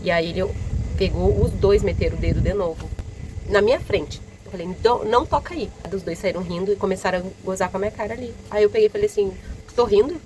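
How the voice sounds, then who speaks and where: A woman's voice: medium pitch, fast talker, rough recording. A young Brazilian woman vlogger telling a story in a casual, indignant way, acting out what people said. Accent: Brazilian Portuguese. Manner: indignant, animated retelling with quoted dialogue. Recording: loud vehicle noise behind.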